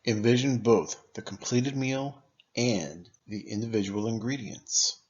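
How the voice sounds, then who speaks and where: In dull-sounding audio, a man with a mid-range voice reads a scripted guided meditation. He's measured and instructive, leaving deliberate pauses between phrases.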